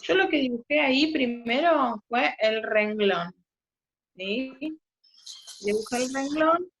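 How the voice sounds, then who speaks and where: A woman with a high-pitched, somewhat bright voice and lively intonation takes her time teaching physics over a video call. She explains step by step and regularly checks in with her students, through muffled audio with faint noise.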